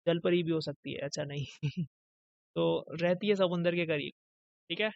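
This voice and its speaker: A man's voice: fairly high pitch, fairly even intonation, moderate pace, creaky, no room sound. A man teaching English in a recorded lecture, explaining patiently and answering his own questions. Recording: dull lo-fi dry recording.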